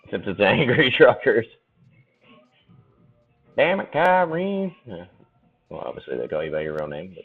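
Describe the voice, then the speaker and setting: A man's voice: lowish voice, sing-song, measured pace, pauses often, breathy edge. A man painting during a live stream, chatting casually, laughing often and swearing freely as he answers viewers. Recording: tinny phone-like audio with faint music.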